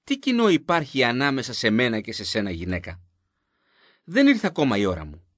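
A man reading the lines of Jesus, a calm and authoritative male teacher, in a measured, solemn scripted Bible reading. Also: mid-range voice, no room sound, studio quality, voice pushed down.

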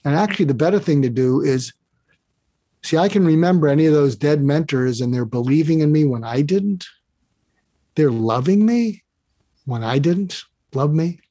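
A man appears as a podcast guest in a casual interview, earnestly guiding the listener through an exercise and often repeating words as he restarts phrases. His voice is a little high and warm, at normal speed, with no echo.

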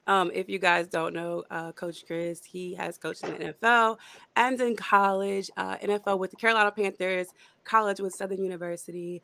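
Bright-voiced upbeat woman podcast host. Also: mid-range voice, steady tone, moderate pace, vocal fry, dry recording. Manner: chatty, upbeat, many fillers. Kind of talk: casual sports podcast interview.

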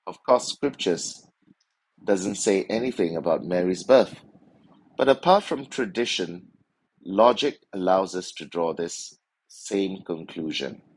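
Low-voiced priest reading solemnly. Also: male voice, animated, low-quality recording. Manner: measured, formal, solemn delivery. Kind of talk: liturgical Gospel reading and homily.

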